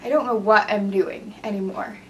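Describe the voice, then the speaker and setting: A woman's voice: mid-range voice, steady tone, normal speed, slight background noise. A young woman from the United States, chatting casually and rambling through her outfits in a fashion vlog, joking about herself. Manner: chatty, self-mocking, rambling. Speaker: fashion vlogger.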